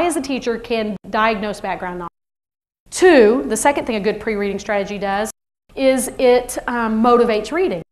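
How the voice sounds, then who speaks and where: Brief: woman teacher trainer, higher voice, animated workshop delivery. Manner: lively, animated, acts out kids' voices. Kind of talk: workshop presentation.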